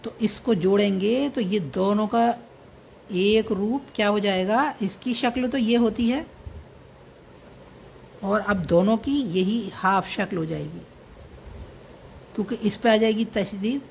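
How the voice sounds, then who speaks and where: A woman's voice: medium pitch, a little slow, gravelly, pauses often, darkish tone, a little hiss or hum. A woman teaching how to read and write a script, patiently repeating each word and spelling it out piece by piece. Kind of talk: slow explanatory script lesson.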